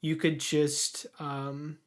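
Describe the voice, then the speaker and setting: Young man, fairly high-pitched, laid-back, lots of "like" and "dude", casual stream chat. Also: completely flat delivery, very slow. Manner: laid-back, says "like" and "dude" a lot, grumbling opinions.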